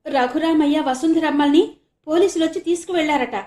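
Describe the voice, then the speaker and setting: A woman's voice: high voice, a little fast, a little mellow, voice pushed up, close to an everyday voice. A lady playing worried dad, urgent and agitated, echoey room. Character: worried middle-aged father, anxious.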